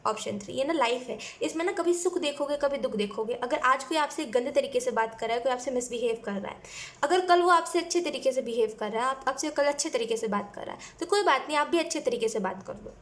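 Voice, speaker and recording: Woman, tarot reader, casual chatty talk, slips in English phrases, fairly high voice. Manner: chatty, mixes English phrases, repeats "है ना" and "you know".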